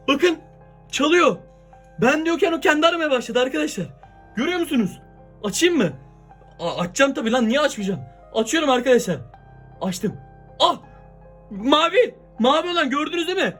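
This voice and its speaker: A young man vlogging casually and excitedly, constantly talking to his viewers as he records himself. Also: very high voice. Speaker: YouTuber. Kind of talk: casual horror prank vlog.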